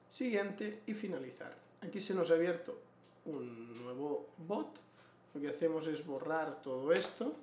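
A man, walking through a screen-share tutorial and clearing his throat often. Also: a little high, darkish tone, a little hiss or hum. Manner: explanatory, frequent throat clearing. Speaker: trading educator. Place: small room indoors. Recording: roomy echo.

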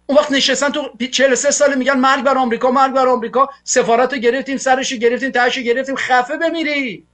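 A man's voice: extremely high pitch, little pitch movement, fairly bright tone. A male television host giving fiery political commentary, ranting angrily and hurling insults at his opponents. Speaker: TV show host.

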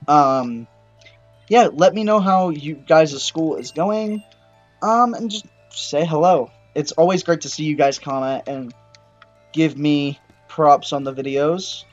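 A young man casually commenting while playing a video game, rambling with frequent excited outbursts. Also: on the high side, lo-fi sound. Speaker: gaming channel host. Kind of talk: let's-play commentary.

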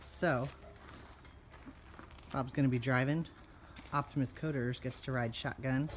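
Low-voiced woman, casual chat. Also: noisy background.

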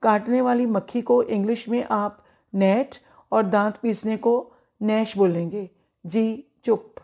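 A middle-aged woman, a former principal and English teacher, giving a careful pronunciation lesson and repeating each word slowly. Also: medium pitch, steady tone, gravelly, a little mellow.

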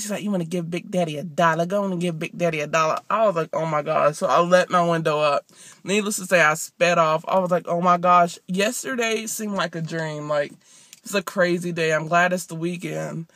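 A woman's voice: on the low side, a bit bright, no room sound. A young woman telling a story to her phone outdoors, acting out other people's lines with animation. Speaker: vlogger. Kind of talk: casual storytelling vlog. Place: outdoors near an apartment. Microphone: phone held by speaker.

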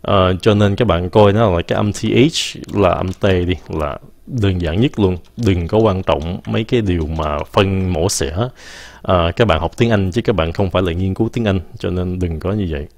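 A man with a fairly low voice teaches English pronunciation in a loose, live-stream way. He repeats example words slowly and drops English phrases into his talk. The sound is dry and close to the mic, with typing behind him. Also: a little mellow, dry recording. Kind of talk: casual live-stream lesson, answering viewer questions.

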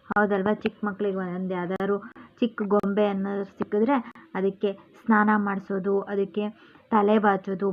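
Slow-talking woman teacher w a kannada accent reading out a lesson then re-explaining it casually, sounds like it's through a phone. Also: medium pitch, narrow, tinny audio. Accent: Kannada, Karnataka. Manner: reads a line, then restates it in loose colloquial speech.

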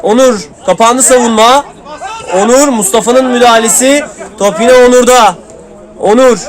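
A man with a high voice commentates a local football match live, snapping out player names and quick calls. A faint crowd murmurs behind him at an outdoor pitch. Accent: Turkish.

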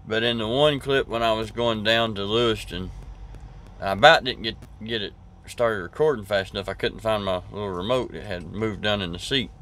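A man in his forties with a drawl, rambling on in a relaxed, easygoing way and restarting his sentences a lot. His voice sits fairly low. He's talking to a camera held close in the cab of a parked truck. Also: moderate pace. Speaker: trucker vlogger. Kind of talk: casual vlog chat to camera. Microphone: camera at arm's length.

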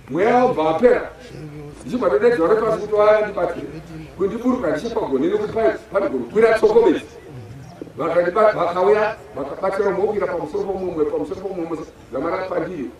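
A man preaching outdoors in a quick, high-pitched voice, working the crowd with call-and-response. The sound is echoey and distant, picked up by a far-off camera in an open field. His delivery is rapid and urgent. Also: darkish tone. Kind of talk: open-air sermon.

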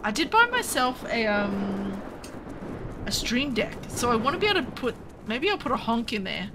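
A woman from Canada in her thirties, streaming a game and chatting casually with viewers, excitable and jumping between topics. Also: fairly high pitch, moderate pace, background noise. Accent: Western Canadian. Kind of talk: casual livestream chat with viewers.

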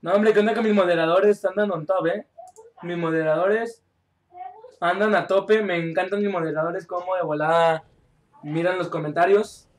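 High-voiced young streamer. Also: male voice, fairly even intonation, normal speed. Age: young adult. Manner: chatty, joking, reads chat aloud and calls out mid-game. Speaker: game streamer. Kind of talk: live gameplay stream chat.

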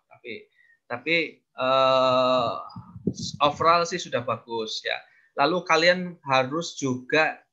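A man giving casual public speaking advice in a webinar, explaining with frequent fillers and pauses. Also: mid-range voice, pushed and bright. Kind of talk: webinar coaching talk. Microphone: video call. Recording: dull lo-fi video call audio.

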